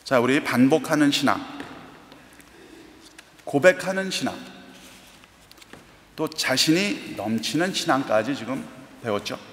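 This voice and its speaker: Bright-voiced pastor in an echoey church. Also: male voice, medium pitch, expressive, unhurried, pauses often, slight background noise. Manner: earnest storytelling, asks the congregation questions. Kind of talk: sermon. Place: church sanctuary. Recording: echoey church hall reverb.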